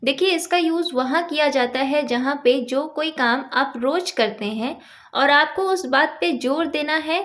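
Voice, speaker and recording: Woman, high voice, English teacher, slow clear example sentences. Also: fairly bright tone. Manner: explains in Hindi, says each English example slowly and clearly. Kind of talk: spoken grammar lesson.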